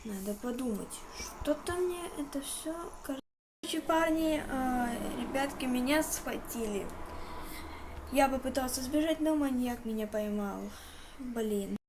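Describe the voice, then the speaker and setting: A woman's voice: sits high, a little slow. A woman hosting a gaming video, giving casual commentary and muttering as she thinks aloud. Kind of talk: casual horror game commentary. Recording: clearly noisy recording with game ambience.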